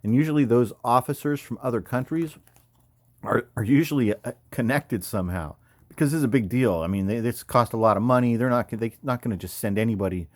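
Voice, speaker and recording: An American army veteran in his fifties from California, formerly a paratrooper and combat medic, comments on photos in a casual, rambling way full of slang. His mid-range voice moves briskly, and the recording is dry.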